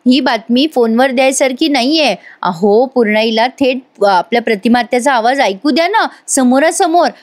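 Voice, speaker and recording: A woman acting out a devoted young wife, earnest and insistent. The voice sits fairly high and stays close to the narrator's own, read as part of a voice-over recap. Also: expressive, normal speed.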